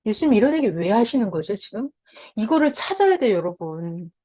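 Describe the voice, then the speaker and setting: A woman teaching a Bible study online in an animated way, often asking her listeners questions. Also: mid-range voice, brisk. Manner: animated, asks the audience questions. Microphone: video call. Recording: lo-fi video call audio.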